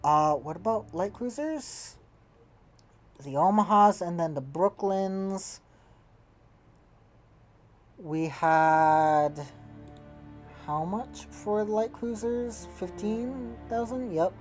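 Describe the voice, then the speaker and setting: Over soft background music, a woman thinks aloud while playing a strategy game, her mid-range voice slow and a little mellow with long pauses. She muses to herself in casual commentary, often trailing off mid-thought as she tallies numbers.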